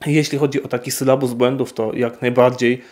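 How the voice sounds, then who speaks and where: Man, priest, viewer Q&A, measured, pauses and fillers, mid-pitched voice. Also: level tone, darkish tone. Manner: measured, hesitant with frequent fillers. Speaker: priest answering viewer questions. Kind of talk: unscripted Q&A answers.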